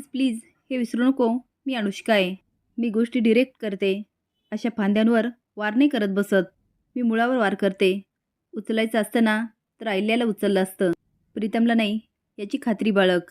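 A woman's voice: a little high, darkish tone, close to an everyday voice. A woman voicing a haughty, scheming young woman who taunts and dismisses others.

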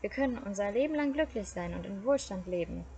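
A woman voicing a poor, timid fisherman who calls a rhyme out over the sea, in a loud sing-song chant. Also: medium pitch, lively intonation, fairly quick, gravelly.

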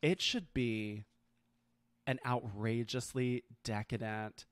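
Earnest man, mid-pitched dry voice. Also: takes it slowly, no echo. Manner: earnest, hedging, thinks aloud. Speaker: podcast co-host. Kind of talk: casual chat.

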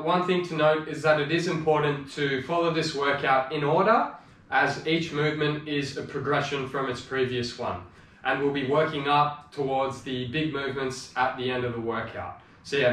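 A young man giving a casual instructional voice-over for a home barbell workout, relaxed and chatty with fillers. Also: medium pitch. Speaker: fitness coach. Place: living room home gym. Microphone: voice-over, recorded separately.

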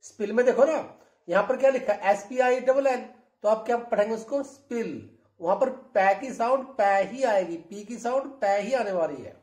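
A man's voice: high voice, darkish tone, roomy sound. A man with an Indian accent teaching English pronunciation, asking questions and repeating each word several times for drill. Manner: repeats words slowly for drill, asks questions. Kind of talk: classroom-style lesson.

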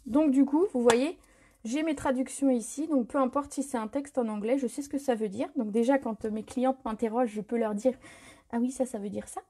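A woman with a slightly high voice and a brisk pace runs a live paper craft tutorial. She chats casually as she demonstrates the technique, often correcting herself and laughing at her errors.

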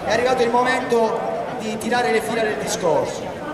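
A man's voice: very high voice, fairly even intonation, brisk. A man gives an emphatic campaign rally speech, repeating phrases for effect. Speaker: political candidate at a rally. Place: large outdoor town square. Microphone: handheld mic through PA, recorded from camera. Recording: echoey square, far off, loud crowd.

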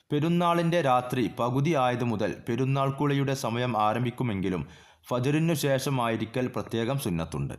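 A man reading out numbered exam questions and their answers in a steady recital. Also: medium pitch. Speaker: quiz reader.

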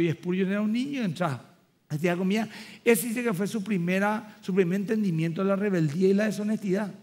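A middle-aged man delivers a sermon. His voice sits fairly high for a man. He shifts between easy, chatty storytelling and passionate, raised preaching. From Paraguay. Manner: builds from conversational storytelling to fervent, loud preaching. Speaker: pastor.

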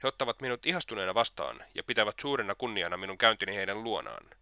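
A man's voice: on the low side, big pitch swings, gravelly, sharp tone, dry recording, studio quality, heavily acted. A man voicing Svidrigailov, a sly, mocking old libertine who is slightly drunk.

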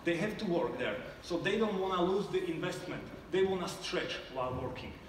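A man's voice: high-pitched, animated, fairly quick, far from the mic, slight background noise. Man in an echoey hall. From Slovakia. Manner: hesitant, many fillers and restarts. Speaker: startup founder pitching to judges. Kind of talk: live pitch Q&A on stage. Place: large theater stage. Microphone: far camera in the audience.

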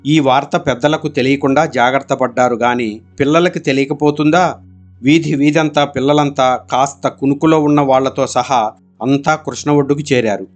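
A male narrator reads a village story aloud in a steady, expressive audiobook style. His voice sits at an ordinary middle pitch, and soft music plays faintly underneath the narration. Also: normal speed, dull audio.

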